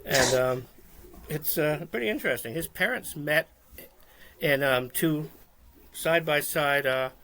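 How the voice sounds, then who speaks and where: A man co-hosting a casual trivia chat, telling stories in a rambling, relaxed way with lots of fillers. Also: a little high, a little slow, pauses often. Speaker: podcast co-host.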